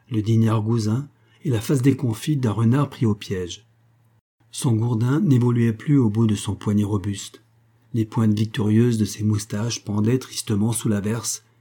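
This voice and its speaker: Brief: male audiobook narrator, husky and dark in tone, measured storytelling. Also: fairly low pitch. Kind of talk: scripted narration of a novel.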